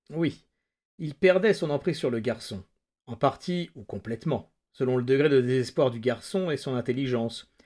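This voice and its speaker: Un homme jouant un vieux nazi sournois et menaçant. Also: male voice, fairly high pitch. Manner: soft, calculating, mocking menace. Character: old former Nazi, menacing and sly.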